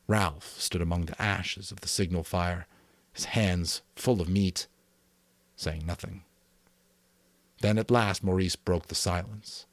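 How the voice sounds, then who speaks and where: An audiobook narrator who also hosts a channel reads a novel dramatically and expressively, then chats casually with his viewers, rambling with fillers. His voice sits low, he takes it slowly with long pauses, and there's no echo.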